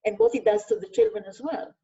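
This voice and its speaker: The video call audio is lo-fi, dull and distant as an older Hebrew-speaking sociologist from Israel fields masterclass questions online. She talks fast in a mid-range, dark-toned voice, earnestly stressing points through lists and restarting often.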